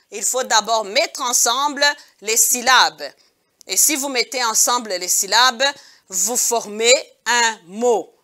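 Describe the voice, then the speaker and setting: Female kindergarten teacher, very slow and patient, bright tone, repeats each word twice for small children. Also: on the high side. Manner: addresses pupils as "mes amis". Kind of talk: recorded video lesson for young children.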